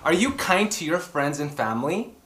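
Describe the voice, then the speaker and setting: A story-time host presents and reads children's books aloud with theatrical, exclamatory animation, addressing young listeners directly. His fairly high, slightly bright voice swings widely in pitch at a moderate pace, with a slight hiss or hum. The room sounds roomy and echoing.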